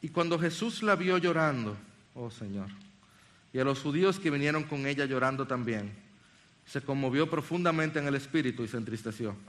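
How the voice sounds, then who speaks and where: A man's voice: medium pitch, animated, normal speed, a bit bright. A man preaching a sermon, reading a Bible passage and putting earnest questions to his congregation.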